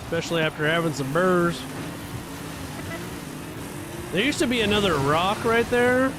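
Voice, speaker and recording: A relaxed man with a fairly high voice chats loosely with his stream audience and chuckles between remarks. Faint game engine noise hums behind him. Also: a little fast. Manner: laid-back, chuckling, talks to chat while racing. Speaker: live streamer. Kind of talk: casual gaming stream chat.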